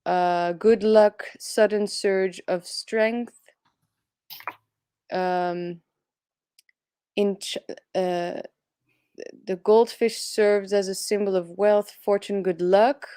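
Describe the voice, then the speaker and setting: A woman's voice: medium pitch, fairly even intonation, extremely slow, long pauses, warm tone, smooth, no echo, studio quality. A woman speaking English as a second language, co-hosting a tarot live stream in a chatty way, laughing often. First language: not English. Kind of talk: casual chat.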